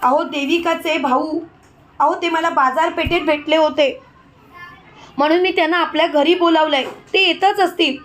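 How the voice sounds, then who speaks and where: An outspoken young wife who stands up to her elders with polite but firm words. A woman reads her in a high, plain voice. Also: steady tone, normal speed, fairly bright tone. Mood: eager. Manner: confronting, respectful address. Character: clever, outspoken young daughter-in-law.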